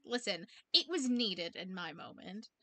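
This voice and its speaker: A woman hosts a casual podcast, trading playful, scolding banter with her co-hosts. Her voice is bright and forward, and the close mic sounds dry, with no room around it. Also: mid-range voice, expressive, measured pace, no echo. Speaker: podcast host.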